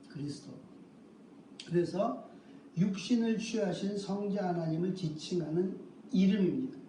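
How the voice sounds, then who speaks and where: A man's voice: high voice, warm tone, slight background noise. A male pastor preaching a sermon, asking rhetorical questions and answering them himself, stretching out key phrases for emphasis. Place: church sanctuary. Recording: roomy, distant mic with faint ambience.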